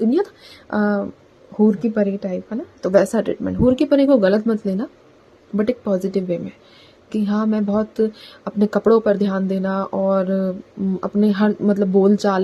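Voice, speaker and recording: Woman, tarot reader, casual collective reading, chatty, mellow warm tone, mid pitch. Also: low-quality recording. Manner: chatty, repeats "theek hai" as a filler.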